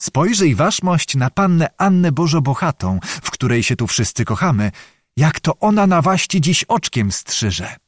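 A man voicing a small, mocking young cavalry officer in an audiobook, speaking in a sly, teasing, deliberate way. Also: a little high, big pitch swings, dry recording, clean studio sound.

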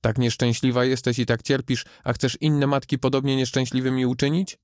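A man reading the part of Death, a stern calm gardener of souls, in a grave measured voice. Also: mid-range voice, no room sound, clean studio sound, lightly acted.

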